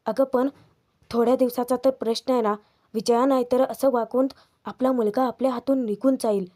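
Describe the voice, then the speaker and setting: A woman's voice: on the high side, fairly even intonation, moderate pace, warm tone, lightly acted. A woman reading a stern, scheming father. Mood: urgent. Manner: firm, urgent reasoning. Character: stern scheming father trying to calm his wife.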